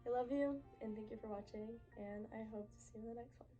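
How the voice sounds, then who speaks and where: A woman's voice: a little high, quick pace, loud music behind the voice, poor audio. A young woman vlogger telling a personal story to camera in a chatty, emphatic way, full of fillers.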